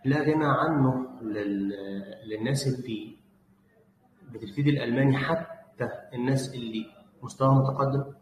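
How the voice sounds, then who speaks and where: An Egyptian man teaches German in an online lesson, explaining in Arabic and patiently repeating each word until his student gets it. His voice sits at a middle pitch. The room is echoey, with a faint hiss underneath. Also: normal speed. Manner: patient, corrects pronunciation by repeating words. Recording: roomy with faint background noise.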